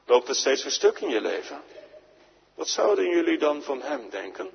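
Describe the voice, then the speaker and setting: A man's voice: on the high side, very animated, moderate pace, creaky, husky. A man preaching a sermon in a church, pleading and rising to emphatic climaxes, acting out dialogues between sinner and Jesus. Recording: lo-fi church radio broadcast with long reverb.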